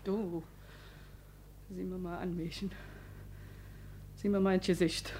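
With a fairly high, animated voice at normal speed, an actress plays a desperate, menacing middle-aged cleaning woman in the style of a 1950s radio play, lightly acted. She coaxes, then threatens, muttering under her breath, over a little hiss or hum.

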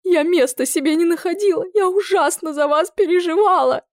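A distraught, weeping aunt, as a woman reader puts her on, her voice climbing high and shrill as she wails. The delivery is dry and close, with no room sound. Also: a little fast, no echo. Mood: sobbing. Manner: high wailing, sobbing delivery. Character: frantic sobbing middle-aged aunt, tearful.

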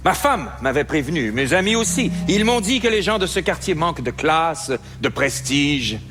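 An actor playing a reflective, wry immigrant lawyer who narrates a stage play in a measured, musing tone. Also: male voice, fairly high pitch, sing-song, music in the background. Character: reflective middle-aged Italian-born immigrant lawyer, wry. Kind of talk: theatrical stage monologue.

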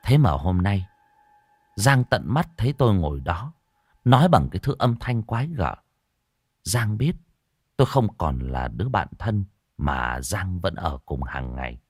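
A man narrating a horror story in a dramatic, expressive way. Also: sits low, unhurried, husky, no room sound, clean studio sound.

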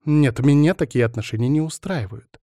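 A worried young woman speaks quietly and anxiously, stubborn underneath, as a male narrator reads her lines. The tone stays mellow and low, only a little above the reader's usual voice. Dry, close recording. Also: normal speed, dry recording, lightly acted. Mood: defiant.

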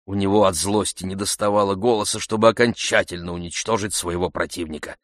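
A man narrating a classic novel in a measured, even manner. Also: deep voice, dry recording, studio quality. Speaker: audiobook narrator.

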